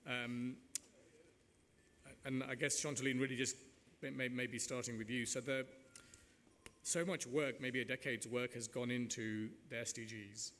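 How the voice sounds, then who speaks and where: A man's voice: mid-range voice, steady tone, unhurried, long pauses, fairly bright tone. Male panel moderator in a reverberant hall. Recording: reverberant hall with background noise.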